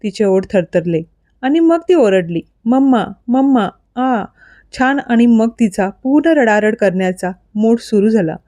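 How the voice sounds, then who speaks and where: A woman reading a dramatic audio story aloud in an expressive, storytelling manner. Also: medium pitch, normal speed, dry recording. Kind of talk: scripted narration of an audio story.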